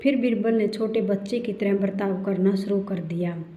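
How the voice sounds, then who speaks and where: A woman narrating a children's storybook in a slow, even reading voice. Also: mid-range voice. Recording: roomy, dull lo-fi recording.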